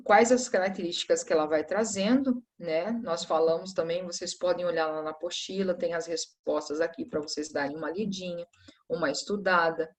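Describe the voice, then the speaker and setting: A woman's voice: on the low side, darkish tone. A woman teacher, reviewing a lesson for her students in a patient, explanatory way with frequent tag questions. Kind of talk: recorded class review.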